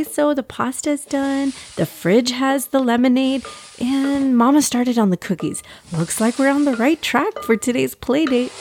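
A woman voicing an eager, earnest, rushed young girl in a children's story. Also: high voice, a little mellow, a little hiss or hum, pitched above the performer's own voice. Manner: hurried, earnest. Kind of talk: children's story character dialogue.

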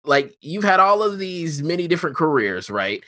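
A man's voice: on the high side, normal speed. A man interviewing a guest in a casual, playful way, acting out his own reactions as quotes. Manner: playful, animated, acts out quotes.

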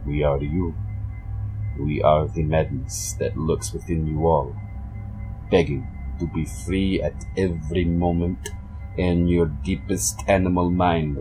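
A calm, menacing male subject speaks in a deep, slow Russian accent, as a man reads him out. Each line comes unhurried and ominous, with faint music underneath. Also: low-quality recording. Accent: put-on Russian.

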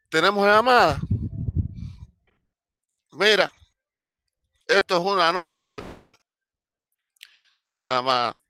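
A man's voice: on the high side, creaky, no room sound. A man hosting a show, telling a folk tale with a moral and acting out the characters' voices. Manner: animated, acts out the characters' voices. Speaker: radio show host.

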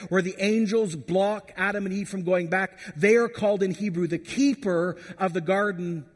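A man's voice: sits high, husky. A man preaching a sermon as a pastor, earnest and storytelling. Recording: long hall reverb.

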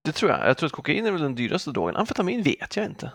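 A man's voice: a little high, gravelly, dry recording, studio quality. A man in his forties telling stories in a casual podcast chat, acting out quotes as he goes. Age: 40s. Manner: animated storytelling with acted quotes. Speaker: podcast co-host.

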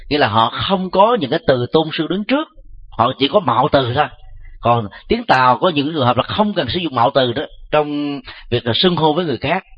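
A man, a Buddhist monk, giving a measured dharma talk and answering questions, pausing often with soft fillers. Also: a little high, slightly rough. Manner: slow, measured, frequent filler "à". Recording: dull lo-fi recording.

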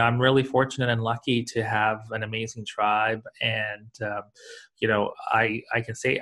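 A man's voice: medium pitch, gravelly, sharp tone. A man from Tanzania talking about his career as an interview guest, reflective and full of fillers and restarts. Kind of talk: casual interview talk.

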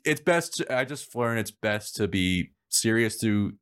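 A man's voice: lowish voice, lively intonation, a little slow, a bit bright, clear, resonant tone, no room sound, clean studio sound. A man hosting a casual podcast chat, talking frankly and correcting himself as he goes. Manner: rambling, self-correcting, frank.

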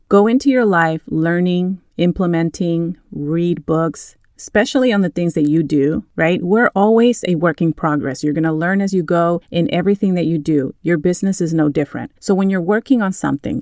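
A woman hosting a motivational podcast as a wellness coach, talking in a chatty way straight to her listeners with a calm, soothing voice. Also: fairly low pitch, dry recording, studio quality. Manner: chatty, addresses listeners directly.

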